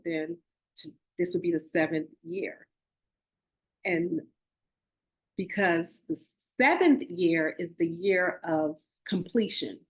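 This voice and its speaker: A woman's voice: fairly low pitch, husky. Earnest rambling woman podcast host. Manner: earnest, rambling with restarts and self-corrections. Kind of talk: casual spiritual talk.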